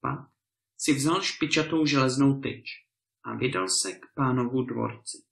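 A man reads a fairy tale aloud with lively, expressive storytelling. His voice is bright and gravelly. The recording has a clear room echo. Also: medium pitch. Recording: echoey room.

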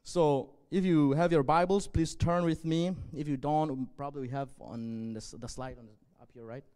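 Male pastor in his 40s, native Zomi speaker, earnest measured sermon, slightly high voice, long hall reverb. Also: fairly even intonation, darkish tone, smooth. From northwest Burma. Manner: earnest, measured, with frequent pauses and fillers. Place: church stage, indoors. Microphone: handheld.

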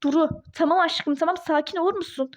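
A woman voicing a calm, soothing young husband in a toy-game role-play drama, talking in a reassuring way. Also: very high voice, fast talker. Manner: calming, reassuring.

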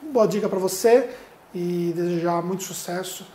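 In a direct-to-camera advice video, a middle-aged public speaking coach with a Brazilian accent talks earnestly to the viewer, gesturing constantly. His voice is high and a little mellow at a normal speed, picked up by a lapel mic in a plain, light-backdrop studio with roomy echo.

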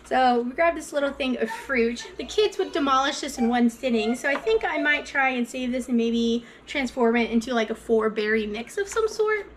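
A woman in her thirties with a fairly high voice, vlogging from her home kitchen. She talks to her viewers in a chatty, upbeat and eager way. A faint background hum sits under her voice. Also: moderate pace, few pauses. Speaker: vlogger, mother. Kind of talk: casual chatty vlog.

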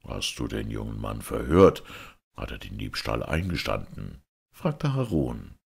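A man voicing a stern, just caliph in a fairy-tale reading, speaking low and measured. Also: big pitch swings, vocal fry, breathy edge, heavily acted. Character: stern, just male caliph, grave authority.

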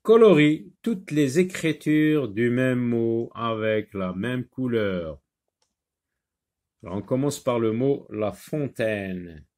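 A man's voice: medium pitch, lively intonation, slow, darkish tone. A man teaching a recorded French reading lesson, patiently repeating each word aloud for pupils.

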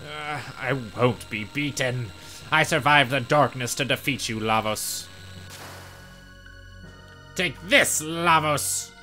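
A man's voice: medium pitch, takes it slowly, long pauses, pushed and bright, faint music behind, voice pushed up. A man voicing a proud, vengeful video game warrior, dramatic and strained in delivery. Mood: defiant, strained.

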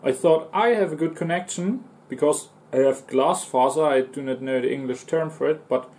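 Speaking at a normal speed in a slightly high, slightly mellow voice, a German-accented man in his twenties eats on a livestream from a sofa in a small living room. As a streamer and mukbang host, he talks casually between mouthfuls, reading and responding to chat.

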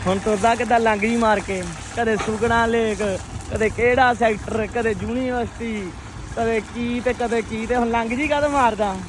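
Out on a farm, a young man vlogs his work in a very high-pitched voice at a moderate pace, with fairly even intonation and a Punjabi accent. He's casual and expressive, teasing and echoing his own phrases, over noisy audio filled with an engine's hum.

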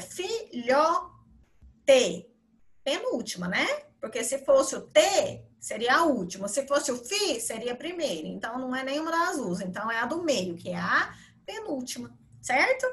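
Brazilian lady teacher, high voice, walks kids thru worksheets step by step. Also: a bit bright. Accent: Brazilian Portuguese. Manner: encouraging, explains step by step with many "certo?" and "ó". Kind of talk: remote video lesson for children.

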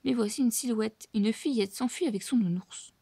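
A woman reads a children's storybook aloud, lively and expressive in her delivery. Her voice sits a little high, and the recording is dry and close with no room echo. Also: moderate pace, creaky, slightly rough. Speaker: storybook reader.

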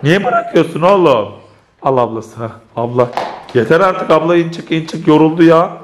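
Man, hoarse, playful, laughing, coaxing, casual family vlog, noisy home recording. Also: a little high, huge pitch swings, normal speed. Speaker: family vlogger filming his kids.

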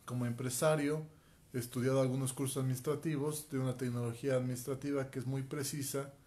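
This Quito-born man in his forties, who teaches martial arts and works as a life coach, introduces himself earnestly to the camera in an Ecuadorian Spanish accent, repeatedly asking "ok?". He talks fast in a mellow, mid-range voice with a level tone, using a phone camera at arm's length in a small room at home.

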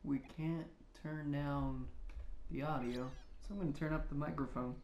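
A man's voice: on the high side, steady tone, moderate pace, darkish tone, muffled recording, slight background noise. A man co-hosting a gaming video, chatting casually in a teasing, easygoing way. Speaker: co-host playing a video game. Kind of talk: casual chat while gaming. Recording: echoey room.

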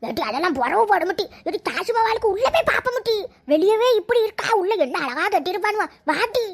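A bossy old village grandmother in a cartoon, played by a woman, scolds and bosses. Her voice is squeaky-high yet gravelly, with a crackly roughness. She talks bluntly and impatiently. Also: big pitch swings, fast talker, exaggerated voice. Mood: scolding chatter.

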